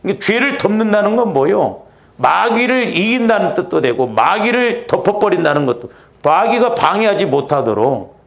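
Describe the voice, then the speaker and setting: A man preaching a Friday night church sermon, animated, acting out little quarrels as he goes. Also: high-pitched, moderate pace, creaky. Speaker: pastor.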